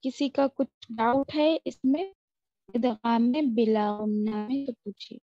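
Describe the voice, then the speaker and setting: A woman teaching a tajweed lesson, explaining rules quickly and then drawing out recited Arabic examples very slowly. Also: on the high side, no room sound. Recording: dry, dull lo-fi audio.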